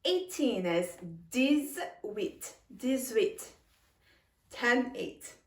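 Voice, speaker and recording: A woman's voice: on the high side, very animated, extremely slow. A woman teaching a language lesson, speaking patiently, repeating each word and chuckling now and then. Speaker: French teacher. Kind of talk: slow, careful language lesson. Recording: roomy echo, a little far from the mic.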